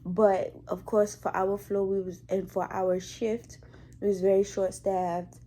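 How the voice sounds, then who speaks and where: A woman's voice: medium pitch, little pitch movement, a little slow, mellow. A young woman who works in hospital care, telling a story in a casual, colloquial vlog style.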